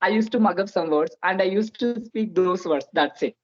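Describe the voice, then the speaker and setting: This host, in their twenties, speaks at a normal pace in a medium pitch, though the recording has its highs cut off. Their Indian accent carries Telugu influence from their native language, and they keep the interview chat casual and earnest, often opening lines with "so".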